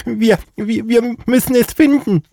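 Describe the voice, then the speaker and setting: A storyteller voicing a timid, anxious female hare with a thin, high voice in a children's story. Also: fairly even intonation, unhurried, creaky, dark tone, dry recording. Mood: worried.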